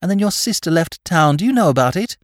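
A man voicing an eager, gushing young woman activist in a storybook reading, high and breathless. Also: expressive, quick pace, dry recording, studio quality.

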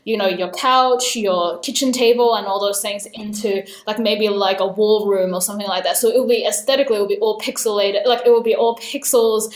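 A woman's voice: mid-range voice, fairly even intonation, fairly quick, hardly any pauses, roomy sound. A young woman raised in Australia and Hong Kong, talking thoughtfully as an interview guest, with many fillers. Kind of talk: casual interview conversation.

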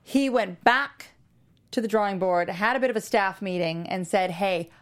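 A woman's voice: mid-range voice, normal speed. A woman co-hosting a TV after-show, chatting casually and playfully. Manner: conversational, playful, many fillers. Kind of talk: casual chat.

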